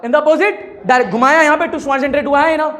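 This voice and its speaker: A man's voice: extremely high pitch, brisk, a bit bright. A man teaching a physics class, dictating notes and prompting students to repeat key words.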